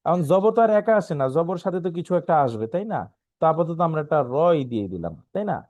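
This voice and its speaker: A man with a Bangladeshi Bengali accent, teaching an online Quran reading class, spelling out letters slowly and often checking in with "right?". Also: fairly high pitch, very animated, a little mellow, no room sound. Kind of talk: online lesson.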